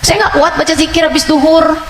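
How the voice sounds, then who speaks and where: A woman's voice: high-pitched, little pitch movement, fairly quick, roomy sound, in a large hall, over music, pitched above the performer's own voice, close to an everyday voice. A woman voicing a weary female congregant who pleads to her preacher in a whiny voice. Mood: pleading.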